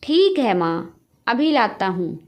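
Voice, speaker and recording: A woman's voice: mid-range voice, very animated, slow pace. A woman voicing an impatient, short-tempered grown son in a storybook tale, complaining and irritable. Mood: irritated.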